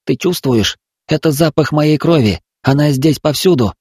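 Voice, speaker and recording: A man's voice: a little high, normal speed, darkish tone, slightly rough, no room sound, clean studio sound, voice pushed up. A man voicing a terrified captive boy who begs for help in a frantic, pleading whisper. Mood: frightened. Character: terrified captive boy being fattened to be eaten.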